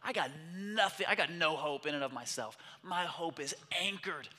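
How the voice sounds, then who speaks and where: A man's voice: a little high, expressive, normal speed, bright, forceful tone. A man preaching a sermon in a church auditorium, talking in a conversational way that swells into passionate emphasis. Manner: passionate, conversational, builds in intensity. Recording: long hall reverb.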